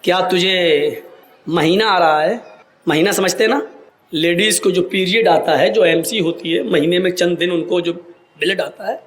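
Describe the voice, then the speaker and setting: An impassioned male preacher with a high, bright voice who often rises to shouting. He is recorded in an echoey hall with a faint hiss underneath. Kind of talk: sermon.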